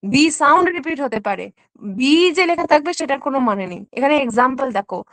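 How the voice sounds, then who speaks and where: Woman teaching an exam prep class, high voice, dry close sound, keeps asking okay?. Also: lively intonation, fast talker, a bit bright, no room sound, rough recording. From West Bengal. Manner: explains step by step, checks in with "okay?"; mixes English terms into explanations. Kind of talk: online exam-prep lesson.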